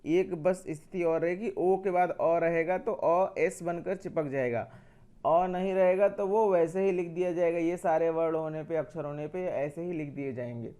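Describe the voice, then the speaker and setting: A man's voice: fairly high pitch, normal speed, dark tone, smooth. A man teaching a grammar lesson, explaining step by step, asking questions and answering them himself, and repeating key points.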